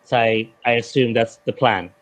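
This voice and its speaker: A man with a mixed London and Nigerian accent, tutoring English in a relaxed, thoughtful video-call chat. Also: medium pitch, normal speed, low-quality recording. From London, England. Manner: relaxed and thoughtful, adjusts his sound to the listener. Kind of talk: casual video-call conversation.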